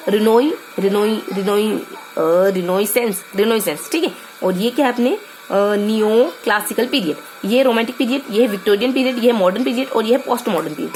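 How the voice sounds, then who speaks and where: A woman's voice: on the high side, a little hiss or hum. A young woman teaching a casual lesson, chatty and playful, thinking aloud with many fillers and memory tricks. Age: young adult.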